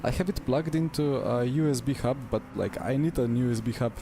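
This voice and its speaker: This sim-racing streamer has a Slovenian accent and a gravelly, medium-pitched voice that runs a little fast. Talking to himself and his viewers in clipped fragments through a wireless headset, he's heard over game car noise and background music.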